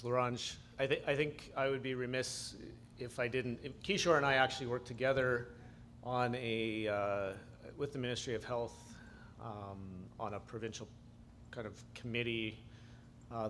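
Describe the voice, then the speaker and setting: A man's voice: medium pitch, steady tone, normal speed, a bit bright, slight background noise. A man, a physician delegate, speaking from the floor of an assembly, often stammering and repeating words.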